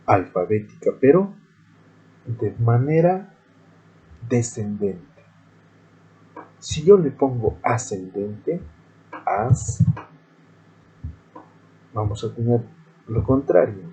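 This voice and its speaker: A man's voice: medium pitch, lively intonation, drawn-out words, long pauses, mellow, rough recording. A male teacher giving a screen-recorded programming lesson, explaining methodically step by step.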